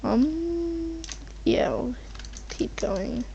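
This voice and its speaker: A woman's voice: extremely high pitch, lively intonation, drawn-out words, gravelly, dark tone. A woman casually rambling over her gameplay as a channel host, hesitant and meandering as she thinks aloud. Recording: muffled mic with faint background noise, keyboard typing.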